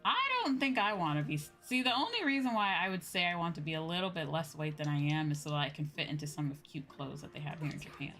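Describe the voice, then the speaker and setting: This VTuber host talks fast in a deep, slightly bright voice, barely pausing as she rambles informally to her viewers mid-game. Game music runs underneath her slangy chatter.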